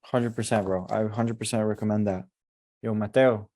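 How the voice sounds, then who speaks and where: A man's voice: lowish voice, steady tone, normal speed, warm tone. A man acting as a business coach on a video call, giving casual, direct advice.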